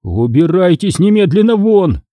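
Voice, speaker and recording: A man's voice: sing-song, normal speed, warm tone, no room sound, clean studio sound. A man voicing a haughty, middle-aged rich businessman who gives orders and protests. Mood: indignant. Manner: haughty, shrill, commanding. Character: indignant rich middle-aged businessman, pompous then frightened.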